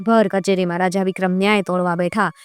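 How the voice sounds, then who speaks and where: A woman's voice: fairly low pitch, flat delivery, fast, clean tone, no echo, soft background music. A woman telling a folk tale with drama, acting out the characters' cries and lines.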